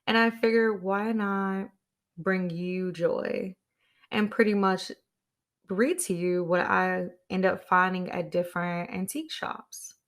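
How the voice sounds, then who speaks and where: A woman's voice: medium pitch, takes it slowly. A woman podcast host talking on her own to her listeners. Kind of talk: solo podcast talk.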